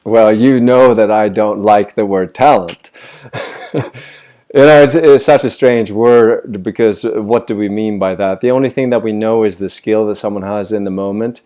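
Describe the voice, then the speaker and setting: A middle-aged Swedish voice coach answers interview questions thoughtfully over a video call, posing many rhetorical questions. His voice is lowish and mellow, at a moderate pace.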